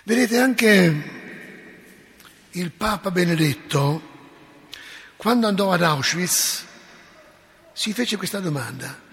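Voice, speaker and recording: A man with a high voice delivers a sermon in a church. He tells stories and acts out the dialogue, swinging from quiet to forceful. His voice rings out with the long reverb of a large hall. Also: animated, slow, long pauses. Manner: storytelling, acts out dialogue, emphatic swings in loudness. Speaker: priest.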